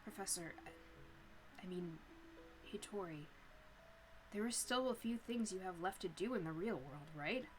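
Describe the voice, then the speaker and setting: A woman's voice: fairly low pitch, moderate pace, pauses often, faint music behind, close to an everyday voice. A woman voicing the young heroine of a visual novel in a firm, encouraging way. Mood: urging. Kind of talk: reading a visual novel aloud.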